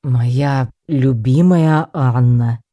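A man playing a nervous middle-aged male professor, speaking slowly and formally as if he has rehearsed every word. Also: medium pitch, mellow, dry recording, clean studio sound. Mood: solemn. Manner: slow, formal, rehearsed proposal speech.

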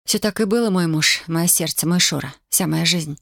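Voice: mid-range voice, normal speed, gravelly, a bit bright, dry recording. A reader voicing a young Soviet wife, emotional and pleading, in a dry audiobook recording. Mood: tender. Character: young tearful Soviet wife, loving yet wounded.

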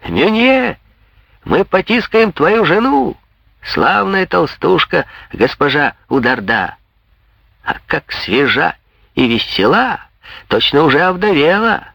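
Man voicing a shouting young student, high jeering cries, swooping tone, dry close sound. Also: sing-song, slow, creaky, husky, dry recording, full character voice. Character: rowdy mocking young male student, shouting taunts.

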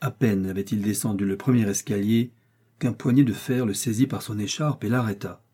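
A man narrating an audiobook of a classic novel in a measured, deliberate way. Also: on the low side, steady tone, dark tone, husky.

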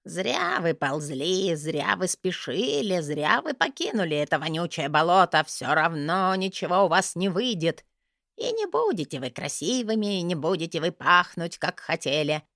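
Grumbling theatrical mage, low creaky voice, lively swoops, as a woman narrator puts him on. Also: measured pace, dry recording, clean studio sound, heavily acted. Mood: theatrical whiny. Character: fussy theatrical male mage, whiny.

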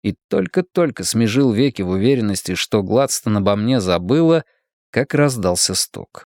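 A man's voice: on the low side, sing-song, moderate pace, darkish tone, no room sound, studio quality. A man reading a novel aloud as the first-person narrator, telling the story expressively. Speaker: audiobook narrator.

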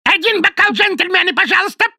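A man's voice: very high voice, lively intonation, a little fast, sharp tone, pitched above the performer's own voice, full character voice. A man voicing a parrot that screeches piercing cries for help and begs for drinks. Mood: shrill. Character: shrieking parrot, a former bar bird.

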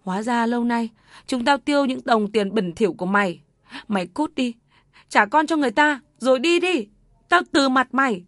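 A woman's voice: on the high side, lively intonation, normal speed, a bit bright, no echo, clean studio sound, pitched above the performer's own voice. A woman voicing a heartbroken, outraged rural mother who rebukes her daughter in a raised, wailing voice. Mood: anguished.

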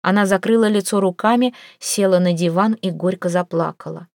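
A woman narrating an audiobook story in an even, measured way. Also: mid-range voice, dry recording, studio quality. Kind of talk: scripted narration.

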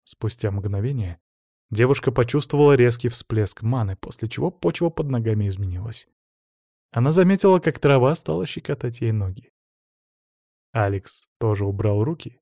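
A man narrating a fantasy romance audiobook in an even storytelling manner. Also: mid-range voice, dry recording, clean studio sound. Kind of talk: scripted narration.

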